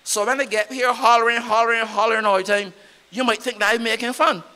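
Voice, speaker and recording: A Barbadian man preaching in a church with a very high, bright voice. He presses his points hard and repeats them, swelling louder as he drives them home. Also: steady tone, quick pace. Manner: emphatic preaching with repetition and rising volume. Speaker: pastor. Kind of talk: sermon.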